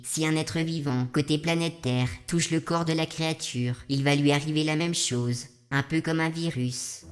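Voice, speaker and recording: Robot host, synthetic woman's voice, text-to-speech, deadpan, flat dry delivery, very low pitch. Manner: flat, matter-of-fact delivery with dry jokes. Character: calm deadpan robot host of an eerie channel. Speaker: narrator and channel host. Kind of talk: scripted lore narration.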